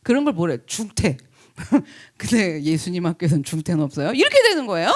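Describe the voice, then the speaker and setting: A woman pastor giving a lively sermon, asking the congregation questions and acting out quotes, laughing often. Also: on the low side, brisk.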